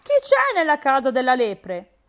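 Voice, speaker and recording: A cowardly jackal from a fairy tale, calling out boldly but quick to retreat, as a woman narrator puts him on. The voice is lively. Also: high-pitched, voice pushed up. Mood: wary.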